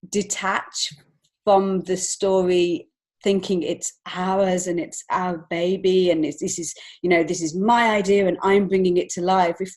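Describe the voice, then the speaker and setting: This children's author and illustrator, appearing as a podcast guest, has a lowish and slightly mellow voice. Her interview manner is reflective and conversational; she sounds earnest and searches for her words as she goes.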